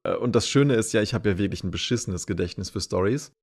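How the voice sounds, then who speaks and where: A man hosting a podcast, telling a story in a lively, relaxed, chatty way. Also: fairly low pitch, quick pace, slightly rough. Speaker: podcast host. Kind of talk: casual podcast chat.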